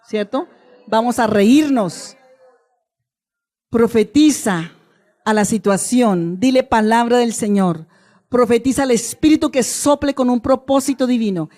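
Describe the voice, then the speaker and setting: A middle-aged woman pastor, preaching an animated sermon and acting out the people in her stories. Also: fairly high pitch.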